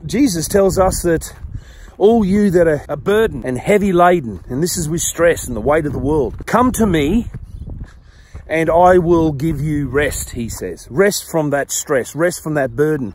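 Pastor talking while walking downhill. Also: male voice, a little high, a little mellow, slight background noise. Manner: earnest, encouraging, conversational preaching. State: slightly out of breath. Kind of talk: casual devotional vlog talk. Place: outdoors on a mountain trail.

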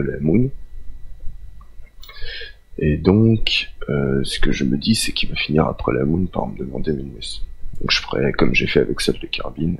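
Male let's-player, very deep gravelly voice, loose unscripted commentary with lively intonation. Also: low-quality recording. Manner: thinks aloud, reads out mission names, halting with filler sounds. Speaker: gamer playing a space simulation. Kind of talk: casual let's-play commentary.

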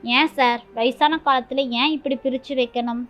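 A woman voicing a brisk, matter-of-fact hospital nurse who speaks bluntly in a storybook reading. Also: high voice, steady tone, a bit bright. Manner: blunt and businesslike. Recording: dull lo-fi with faint music.

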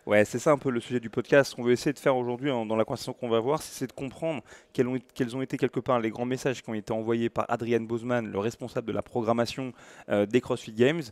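French male podcast host, teasing and rambling, mid pitch, dry close mic. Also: fairly even intonation, fast, dry recording. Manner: joking, rambling, self-mocking. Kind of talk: casual podcast chat.

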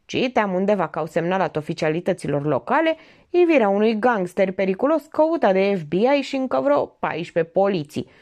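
A woman's voice: medium pitch, sing-song, darkish tone, natural voice. A woman voicing a smug, self-assured middle-aged barber who lectures as if he alone reasons, in an audiobook. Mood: lecturing. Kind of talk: audiobook character reading.

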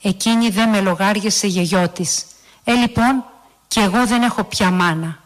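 A woman reads as a wounded middle-aged father in a family story, his words bitter and sharp. She keeps close to her own voice. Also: mid-range voice, close to an everyday voice.

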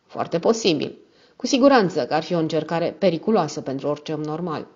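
Shrewd male detective read by a woman: courteous and measured, low-pitched. Lo-fi audiobook sound. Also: lively intonation, darkish tone, breathy edge. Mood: amused.

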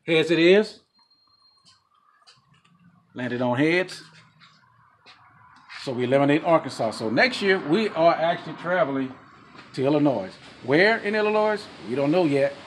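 A man's voice: fairly high pitch, lively intonation, measured pace, pauses often, a little hiss or hum. A man in his forties co-hosting a casual road-trip vlog, explaining things to viewers in an upbeat, easygoing way. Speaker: vlog co-host. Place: outdoor patio and garage of a home. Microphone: camera a few feet away.

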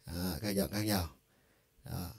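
In a slow, low voice with fairly even intonation, a man with a Vietnamese accent gives a casual demo of a keyboard's vocal effects. As a music store product demonstrator, he rambles conversationally with frequent fillers. It's a dry recording of studio quality.

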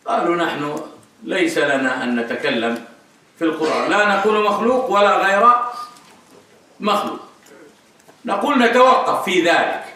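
A man's voice: sits high, bright, forceful tone, recorded from a distance. A man giving a religious lecture on creed, emphatic and repeating key phrases for stress. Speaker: Islamic scholar lecturing on creed. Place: mosque hall. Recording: echoey hall, voice picked up from afar.

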